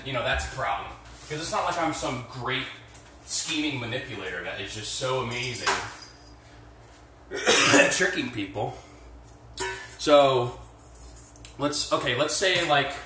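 A man's voice: mid-range voice, far from the mic, noisy background. A man hosting a podcast on his phone while doing chores at home, ranting bluntly and profanely with lots of fillers, his voice echoing around the room. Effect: echoey room sound. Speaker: podcast host. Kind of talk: casual rambling rant. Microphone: phone without headset. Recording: echoey room, phone held away.

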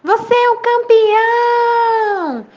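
A woman voicing a mountain echo that repeats every shout in a high, drawn-out call, on a dull lo-fi recording. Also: full character voice. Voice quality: high, slow, called out from afar.

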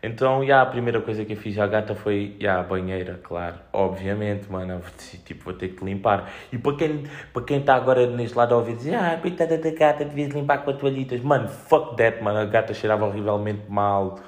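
Low-voiced young Portuguese man, casual and slangy. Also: fairly quick, hardly any pauses. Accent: European Portuguese. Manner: slangy, sweary, joking. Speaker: podcast host. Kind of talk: casual solo chat, rambling anecdotes.

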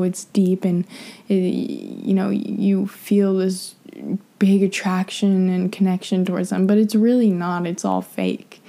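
A young woman talks casually and frankly on her podcast, swearing often and wandering through her thoughts. Her voice is mellow and dark, with a gravelly, creaky texture. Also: mid-range voice. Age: young adult. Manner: frank, profane, rambling with many fillers. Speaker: podcast host. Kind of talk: casual advice monologue.

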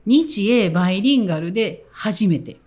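Kansai woman co-host, chatty and animated, mid-pitched voice that moves a lot. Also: moderate pace. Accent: Kansai Japanese. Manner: lively storyteller, laughs often. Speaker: podcast co-host, school director. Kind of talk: casual chat.

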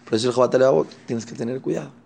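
A man giving a religious lesson on Torah ethics, talking in an animated way and acting out the people he quotes. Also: mid-range voice, rapid-fire, creaky. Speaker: Torah teacher.

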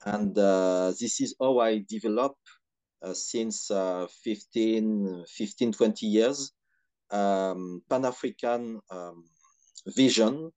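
Low-voiced man with a Beninese French accent. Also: darkish tone. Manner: measured, hesitant phrasing with frequent pauses. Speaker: podcast guest, historian and activist. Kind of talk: reflective interview answers.

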